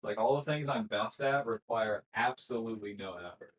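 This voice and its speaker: A man's voice: fairly low pitch, poor audio. Joking, foul-mouthed male gaming coach. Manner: profane, joking, mocking impressions; explains in quick, plain steps. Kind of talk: casual chat.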